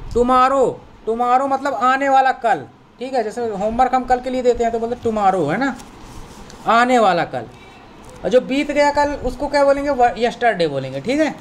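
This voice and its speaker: Slight background noise accompanies this children's vocabulary lesson, led by a man with an extremely high, lively voice at a normal pace. He is patient, repeating each word, spelling it letter by letter, and making sure the kids understand.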